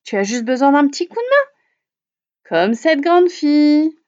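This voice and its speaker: A woman voicing a cheerful, excitable fox, bouncy and enthusiastic. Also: high-pitched, measured pace. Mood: insistent. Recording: dull lo-fi recording.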